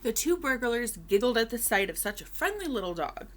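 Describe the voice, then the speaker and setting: A woman reading a children's storybook aloud expressively, with deliberate dramatic pauses and emphasis. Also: a little high, big pitch swings, fairly bright tone.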